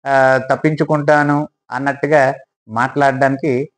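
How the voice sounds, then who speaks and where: A man's voice: medium pitch, level tone, normal speed, poor audio. A man with a Telugu accent giving a political analysis monologue, full of rhetorical questions and hesitant fillers. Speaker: political commentator.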